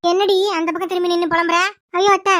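A woman's voice: very high-pitched, flat delivery, quick pace, fairly bright tone. A woman voicing a put-upon young wife in a cartoon, whiny and grumbling about her mother-in-law. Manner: whiny, grumbling under breath. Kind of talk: cartoon voice acting.

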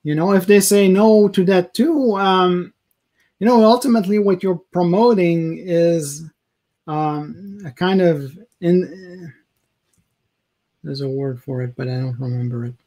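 A video blogger whose first language is French delivers a casual opinion rant to camera from a small home office. He has a higher-pitched, mellow voice and speaks haltingly, searching for words and correcting himself.

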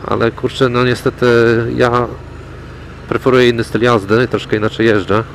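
A man's voice: medium pitch, moderate pace, low-quality recording. Man vlogging from a motorcycle. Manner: relaxed, chatty, wry remarks on traffic. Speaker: motovlogger. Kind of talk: casual commentary while riding. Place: riding a motorcycle on city roads outdoors. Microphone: helmet mic. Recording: clear road and engine noise. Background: road and traffic noise.

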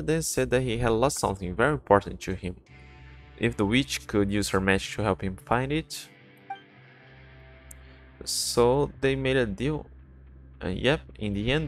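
A man's voice: mid-range voice, lively intonation, moderate pace. A man streaming a game and reading its text aloud plainly, with restarts, faint music behind.

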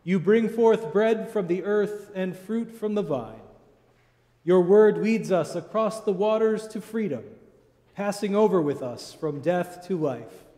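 A man's voice: high-pitched, expressive, mellow. Man's solemn liturgy with cathedral echo. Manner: measured, solemn recitation. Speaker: presiding minister. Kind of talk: leading a eucharistic liturgy. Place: large church sanctuary. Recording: echoey church with long reverb.

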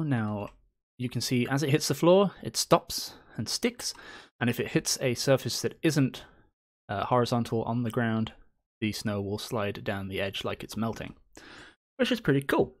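In a screen-recorded tutorial on a game engine, a man chats in an upbeat way and lets out playful little cheers. His medium-pitched voice moves at a moderate pace, a bit hoarse from a cold that's coming on.

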